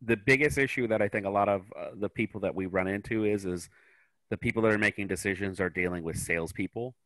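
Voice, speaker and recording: A man speaking casually in a meeting, in a halting way that repeats words. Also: lowish voice, fairly bright tone, no echo, poor audio. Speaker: salesman, roundtable participant.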